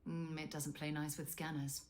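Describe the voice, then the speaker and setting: Composed female game explorer, played by an actress, low register, measured and businesslike. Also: little pitch movement, darkish tone, a little hiss or hum, natural voice. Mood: matter-of-fact. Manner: measured, matter-of-fact. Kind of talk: video game acting.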